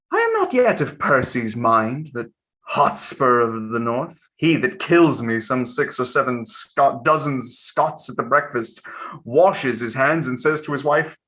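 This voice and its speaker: An actor reading a witty, boastful young prince in a Shakespeare play, with teasing theatrical declamation. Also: male voice, mid-range voice, sing-song, a little slow, fairly bright tone. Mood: playful musing.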